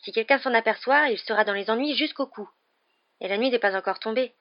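A woman's voice: a little fast, muffled recording, close to an everyday voice. Hermione: a woman doing a bossy anxious schoolgirl. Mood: worried. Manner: high and insistent.

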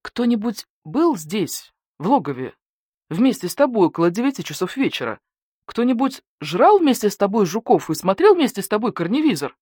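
A woman's voice: mid-range voice, big pitch swings, moderate pace, a little mellow, breathy edge, dry recording, studio quality, voice pushed up. Woman playing an icy badger-cat detective. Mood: cold. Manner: cold, suspicious interrogating tone.

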